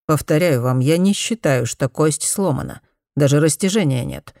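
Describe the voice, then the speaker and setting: A woman reading an audiobook, voicing a blunt, matter-of-fact male doctor in a slightly lower voice. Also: expressive, normal speed, warm tone, no room sound, studio quality. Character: blunt plain-spoken male country doctor.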